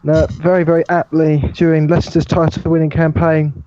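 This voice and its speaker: A man's voice: fairly high pitch, completely flat delivery, fairly quick, lo-fi sound, noisy background. A British man speaking as a team boss guest, blunt and swearing freely. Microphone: online call mic.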